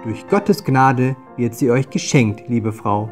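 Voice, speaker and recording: A man voicing a kind, calm holy stranger in a storybook reading, gentle and solemn. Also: mid-range voice, takes it slowly, soft background music, voice pushed down, lightly acted.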